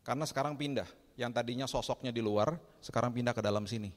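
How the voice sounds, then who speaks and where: A male pastor delivers a sermon with a mid-range voice, telling stories with lively energy. He acts out people's pleas by lifting his voice, and his words ring out with the long reverb of a large church hall. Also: mid-range voice, fast. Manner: lively storytelling, acting out people's pleas in a raised voice.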